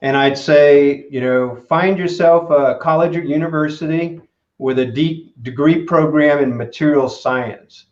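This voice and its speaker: A man answering interview questions as a materials expert, halting and full of fillers. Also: fairly high pitch. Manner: halting, many "uh" and "you know" fillers. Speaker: guest expert in materials engineering. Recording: roomy, dull lo-fi sound.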